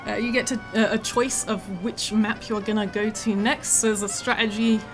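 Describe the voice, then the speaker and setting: With music playing in the background, a woman who develops games streams gameplay and chats away, full of ums and laughs. Her mid-range voice stays level at a moderate pace, though she's slightly losing it and sounds a little worn.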